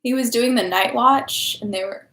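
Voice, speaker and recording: A woman hosts a read-aloud livestream in an echoey indoor room, chatting casually before switching to audiobook-style reading. Her voice sits on the high side with a fairly bright tone at normal speed. She is informal and rambling, often interrupting herself.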